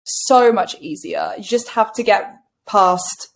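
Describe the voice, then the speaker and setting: A woman coach in a casual interview, bubbly and animated, with a casual swear now and then. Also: medium pitch, slow pace. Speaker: guest coach.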